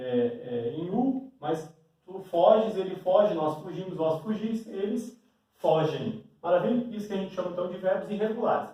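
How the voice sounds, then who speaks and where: A man with a high, warm voice and a Brazilian Portuguese accent teaches grammar at a board in a classroom, often checking in with "né?". He is captured by a distant mic in a very echoey room.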